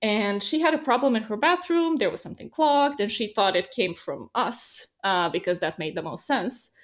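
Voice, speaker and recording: A woman's voice: medium pitch, normal speed. A woman from Serbia, chatting as a guest in a casual interview and telling stories with lots of fillers. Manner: chatty, animated storyteller, many fillers.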